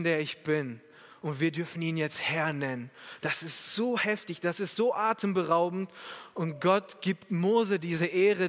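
A man's voice: on the high side, a bit bright. A male preacher giving a sermon, emphatic and speaking straight to his listeners. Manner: emphatic, addresses the listeners directly. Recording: echoey hall.

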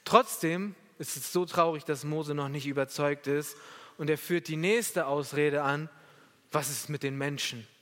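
A man's voice: fairly high pitch, fairly even intonation, measured pace, fairly bright tone. A male preacher giving a sermon, emphatic and speaking straight to his listeners. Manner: emphatic, addresses the listeners directly. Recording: echoey hall.

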